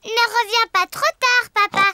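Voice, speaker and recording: A performer voicing a cheerful, bossy little girl piglet in a preschool cartoon, with an animated, outspoken childlike manner. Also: extremely high pitch, moderate pace, no room sound, full character voice.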